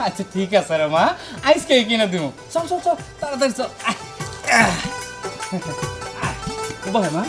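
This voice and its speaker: A woman voicing a gentle, soothing village father who comforts his young daughter. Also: a little high, very animated, unhurried, pauses often, voice pushed down. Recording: music playing under the voice, heard from off-mic.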